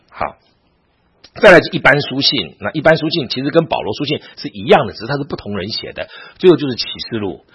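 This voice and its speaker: Husky-voiced male pastor teaching a class. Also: medium pitch, lo-fi sound. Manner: storytelling with frequent rhetorical questions to the class. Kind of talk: Bible class lecture.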